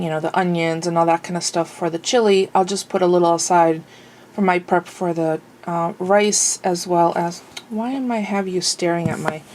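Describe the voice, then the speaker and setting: A woman with a lowish, darkish voice talks casually to the camera at home indoors. Her chat wanders, filled with fillers and the occasional sniffle.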